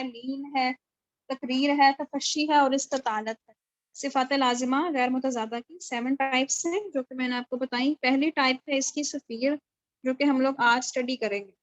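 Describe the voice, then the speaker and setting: Woman teacher, high voice, dry close sound over a video call, explanatory and questioning. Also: fairly even intonation, dry recording, muffled recording. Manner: explanatory, mixes English terms into Urdu, checks understanding with questions. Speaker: Quran recitation teacher. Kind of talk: live online lecture. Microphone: video call microphone.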